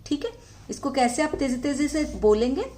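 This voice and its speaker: Lively-pitched woman teaching children slowly. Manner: slow, careful reading of English lines, repeats "ठीक है" often. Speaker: English teacher. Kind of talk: Hindi-explained English lesson for young children.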